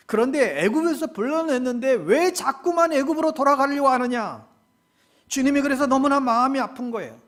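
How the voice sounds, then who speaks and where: A male pastor preaching a sermon, speaking earnestly to his congregation and lifting his voice when he voices God's pleas. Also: high voice. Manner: addresses congregation directly.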